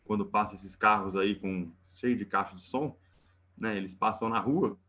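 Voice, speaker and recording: A man's voice: on the low side, normal speed, pushed and bright, breathy edge. A man with a Brazilian accent teaching a live online class, chatty and joking, ending nearly every phrase with a questioning "né?". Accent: Brazilian Portuguese. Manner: joking, teasing asides. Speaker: physics teacher.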